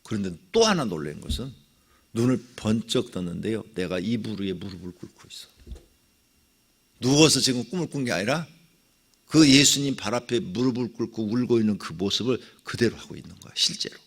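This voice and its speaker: A middle-aged male pastor telling a personal testimony in a dawn prayer sermon, dramatic, with sudden swings between loud cries and near whispers. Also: fairly low pitch, lively intonation, a little fast, slightly rough.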